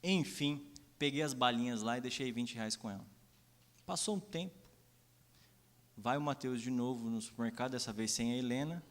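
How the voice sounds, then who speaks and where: Speaking at normal speed in a medium pitch and pausing often, a young Brazilian man preaches in a church hall with long reverb. This pastor has a Brazilian Portuguese accent and shares personal stories, acting out dialogue and dropping frequent "né?" asides.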